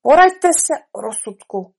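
A woman's voice: sits high, expressive, gravelly, voice pushed up. A woman voicing a stern, pompous old king who sits as judge and threatens the witnesses. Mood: commanding.

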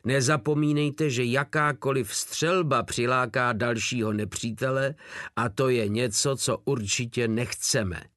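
A man's voice: medium pitch, steady tone, a bit bright, dry recording, clean studio sound, lightly acted. A man doing a terse old veteran soldier. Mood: firm. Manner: terse, firm. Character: old male veteran soldier giving orders.

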